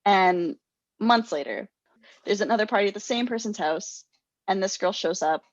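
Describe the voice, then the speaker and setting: In a casual storytelling chat, this young woman podcast co-host rambles through a self-deprecating tale, laughing often. She speaks at medium pitch and a normal speed, and the lo-fi recording has no echo.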